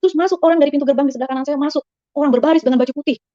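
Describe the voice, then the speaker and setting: A woman giving an earnest personal testimony, telling her story quickly and rising high and excited at times. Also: no echo. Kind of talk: emotional spoken testimony. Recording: slightly dull, dry recording.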